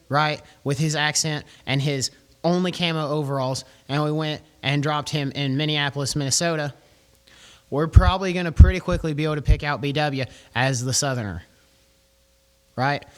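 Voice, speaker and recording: A man's voice: mid-range voice, fairly bright tone. A man teaching a Sunday school lesson in a casual, conversational way, often checking in with "right?". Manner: casual, keeps asking "right?".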